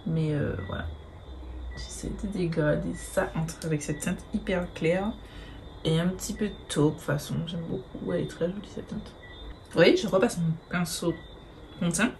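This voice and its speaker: Casting note: woman, low-ish voice, chatty makeup vlogger who hesitates a lot and swears casually, slight background hiss. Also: moderate pace, a little mellow. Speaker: beauty vlogger. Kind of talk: casual makeup tutorial chat.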